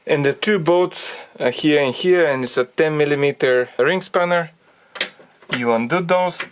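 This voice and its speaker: A man explaining a car repair as he works on it, thinking aloud in halting phrases and getting out of breath from the effort. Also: on the high side, slight background noise. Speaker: DIY car repair presenter. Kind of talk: hands-on repair tutorial.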